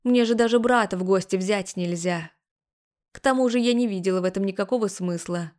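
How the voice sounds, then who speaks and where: A woman's voice: medium pitch, fairly quick, darkish tone, close to an everyday voice. A woman voicing a defiant young woman, a grown daughter who speaks sarcastically and firmly, in an audiobook. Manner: sarcastic, firm.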